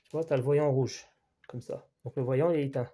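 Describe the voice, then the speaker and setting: A man's voice: mid-range voice, fairly even intonation, fairly quick, warm tone, husky. A French-speaking man giving a hands-on electronics repair lesson, explaining each measurement step by step and talking straight to the viewer, often repeating his key points.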